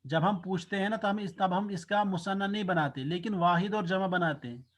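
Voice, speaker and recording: A man teaching an Arabic grammar class, drilling pronoun forms slowly and repeating each one. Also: sits high, very noisy.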